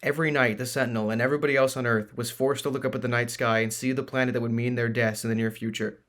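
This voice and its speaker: A man narrating a science-fantasy novel in a steady, plain reading voice. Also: mid-range voice, fast talker.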